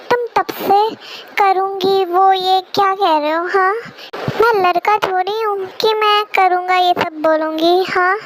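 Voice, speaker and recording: Woman voicing a sassy, shrill young woman. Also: slight background noise, poor audio. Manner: sassy, shrill, quick to threaten. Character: feisty young woman stuck in a man's body. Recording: music playing underneath.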